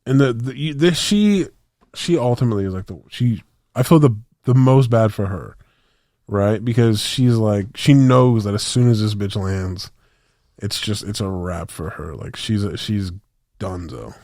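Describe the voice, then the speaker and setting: Young male podcast co-host, lowish pitch, loose slangy storyteller, dry close sound. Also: normal speed, a little mellow, no echo. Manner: rambling slangy storytelling with many restarts. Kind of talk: casual chat.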